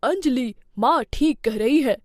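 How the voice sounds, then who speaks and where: A woman's voice: sits high, expressive, a little slow, dry recording, clean studio sound. A woman voicing a young husband who firmly backs his mother in a cartoon story. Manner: firm, reproachful.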